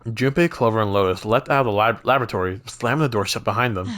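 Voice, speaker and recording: A man's voice: fairly low pitch, fast talker, a bit bright. A man doing a let's play, reading game dialogue and narration aloud and sometimes stumbling over and rereading lines. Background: video game music.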